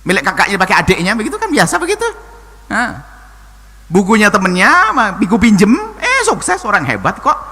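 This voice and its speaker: A man preaching and answering a listener's question, talking in an animated way that swings from low and soft to high exclamations. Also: a little fast, crowd noise. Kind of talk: sermon. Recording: long hall reverb, faint noise.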